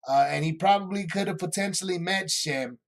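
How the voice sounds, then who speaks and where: Male Bible study teacher, a bit high-voiced, casual and rambling. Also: fairly quick. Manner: loose, rambling retelling with many asides.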